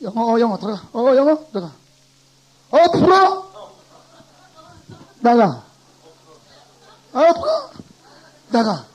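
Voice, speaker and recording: A man's voice: extremely high pitch, very animated, takes it slowly, pauses often, muffled recording, full character voice. A man voicing a stern male gate guard who turns people away with short barked questions and orders. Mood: gruff.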